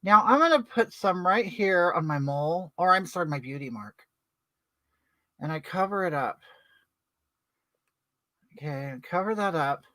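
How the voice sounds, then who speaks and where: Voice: mid-range voice, animated, measured pace, long pauses, pushed and bright, no echo. A performer playing a brash older woman who chats through a makeup livestream and greets viewers by name. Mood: chatty. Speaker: livestream host. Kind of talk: comedic livestream character.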